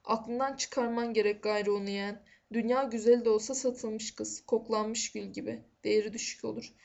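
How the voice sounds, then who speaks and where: A woman reading the lines of a gentle, consoling older village uncle in a storybook reading, on a dull lo-fi recording. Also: on the high side, fairly even intonation, moderate pace, vocal fry.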